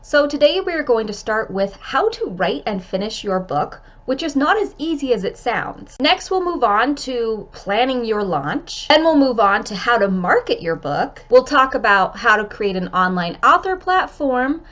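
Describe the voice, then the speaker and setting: A woman's voice: on the high side, big pitch swings, moderate pace, hardly any pauses, fairly bright tone, muffled recording. Stuffed-up woman with a scratchy throat. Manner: friendly, talks straight to camera. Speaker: author giving writing advice. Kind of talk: vlog-style tutorial.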